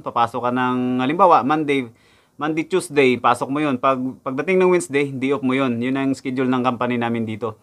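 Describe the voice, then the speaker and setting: A young man from the Philippines talks straight to a close camera in a casual vlog. He is chatty and explanatory, often calling out to his viewers and going back over the same numbers. His pitch sits at an ordinary middle level for a man. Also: a bit bright. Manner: chatty, repeats figures and addresses viewers often. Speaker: vlogger, overseas factory worker. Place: indoors in front of a backdrop.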